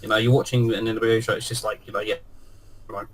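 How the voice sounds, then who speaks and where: A man's voice: fairly low pitch, flat delivery, quick pace. A man co-hosting a casual wrestling podcast over an online call, talking in a conversational, reflective way. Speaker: podcast co-host.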